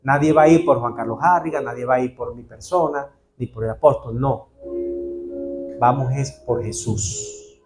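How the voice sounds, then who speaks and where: A man's voice: mid-range voice, normal speed, loud music behind the voice. A man preaching a sermon in a church, earnest and calling the congregation brother.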